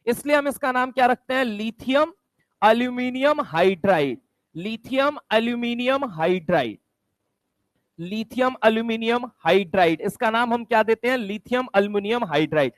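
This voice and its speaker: With an extremely high, animated voice at normal speed, a guy teaches chemistry in a mix during a classroom lecture, posing questions and answering them himself and saying key terms over and over. He addresses listeners as "my brother," and the close recording is dry with no room sound.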